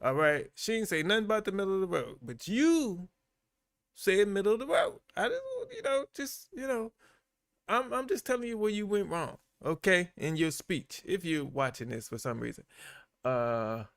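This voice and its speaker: Animated man reacting live, high voice. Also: normal speed, gravelly, dry recording, studio quality. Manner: animated, talks back at the video, chuckles. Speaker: host reacting to bodycam videos. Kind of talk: live-stream reaction commentary.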